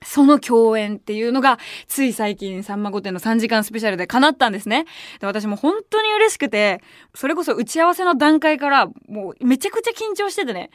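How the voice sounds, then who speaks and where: A woman hosts a casual radio talk show, racing through her stories with animated, excitable energy. Her voice sits a little high, and the studio sound is dry and close, with no room echo. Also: brisk. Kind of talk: casual solo radio chat. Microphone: studio microphone.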